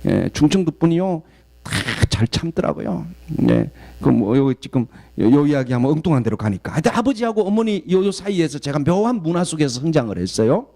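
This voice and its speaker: A man from southeastern Korea, a guest pastor preaching a sermon and telling stories in an animated way. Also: a little high, brisk. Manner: animated storytelling, acts out quoted voices.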